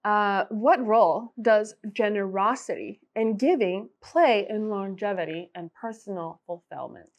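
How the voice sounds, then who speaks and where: Female podcast host, casual, halting, mid-pitched, lots of "like" and "you know". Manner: hesitant, many fillers. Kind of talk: casual interview chat.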